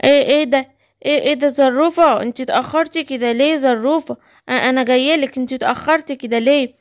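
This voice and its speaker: A woman's voice: high voice, fast talker, lightly acted. A woman with an Egyptian accent voicing a timid, worried young lion cub. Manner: anxious, calling out.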